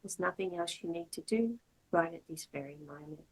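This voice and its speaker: A yoga teacher guides a meditation in a lowish, noticeably husky woman's voice. Her short, measured phrases are gentle and soothing, separated by long pauses. The recording quality is low.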